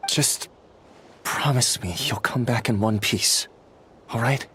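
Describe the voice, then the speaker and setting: Over slight background noise, a man with a mid-range, fairly bright voice speaks slowly as a game character. He plays an earnest, anxious, protective young master who talks bluntly and becomes exasperated.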